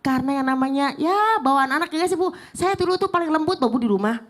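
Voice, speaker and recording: Woman preacher, middle-aged, higher voice, animated TV sermon with acted-out scolding and teasing asides. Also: fast talker. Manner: animated, acts out scolding mothers and children; chatty, teasing asides to the audience. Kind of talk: lively sermon on a TV show.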